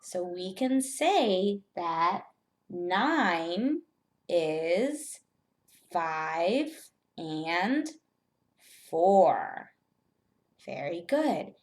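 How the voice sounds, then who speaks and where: A female teacher walks young children through a math lesson one step at a time, using simple, deliberate phrases and asking the learners questions. Her voice sits fairly low but swings widely in pitch.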